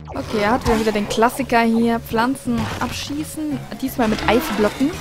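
A woman's voice: a little high, normal speed. A woman giving casual gaming commentary, chatting and thinking aloud as a let's play host. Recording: game music behind the voice. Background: video game music and effects.

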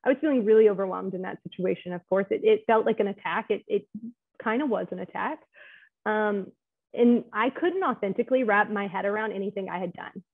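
A woman therapist gives a relaxed, chatty presentation, often turning to her listeners with a quick "right?". Her voice sits at an ordinary middle pitch. It comes through a thin, phone-like video call line. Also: creaky, dry recording. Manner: chatty, keeps asking "right?" to check in with listeners. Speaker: clinical social worker presenting to clinicians. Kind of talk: conversational webinar presentation. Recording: tinny phone-like audio.

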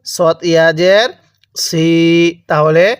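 The man's voice is a little high, clear and resonant, with fairly even intonation and a slow pace; there's no echo and the studio sound is clean. He teaches Arabic letter reading with a Bangladeshi Bengali accent, drilling each syllable and repeating it for the learner in a slow recitation lesson.

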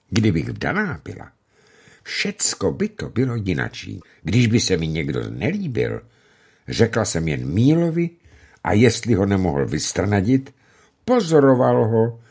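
A man's voice: low-pitched, big pitch swings, darkish tone, husky, exaggerated voice. A man voicing a troubled young village woman in love, confiding and sorrowful. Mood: confiding, sad.

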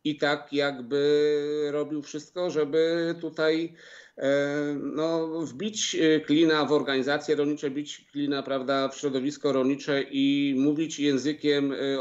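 A middle-aged man, a farmers' union representative, recounting a meeting over a video call in a halting way, full of filler sounds and restarts. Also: a little high, level tone. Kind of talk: remote interview, recounting events. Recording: slightly dull video-call audio.

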